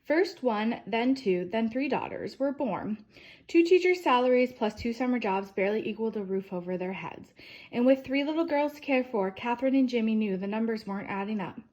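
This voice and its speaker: The sound is lo-fi as an animated woman storyteller with a slightly high voice reads a picture-book biography for children. Her sentences open with emphasis and trail off softly, all carefully phrased.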